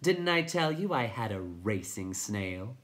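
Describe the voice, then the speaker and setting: A man's voice: lowish voice, very animated, unhurried, a bit bright. A man voicing a tiny, condescending male creature who talks in a chirpy, twittering way. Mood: smug.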